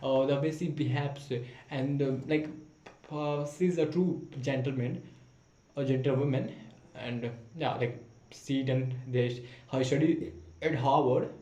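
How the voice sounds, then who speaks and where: Recorded with a camera mic in a room full of echo, a young man from India talks off the cuff to camera as practice for his spoken English, which isn't his native language. His voice is medium-pitched, steady, unhurried and mellow, and he stumbles along with lots of fillers and restarts.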